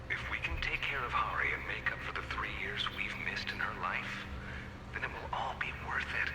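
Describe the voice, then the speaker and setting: A man's voice: a little high, roomy sound, background noise, natural voice. A man playing a caring father and researcher in a game cutscene. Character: caring father and researcher, urgent under pressure.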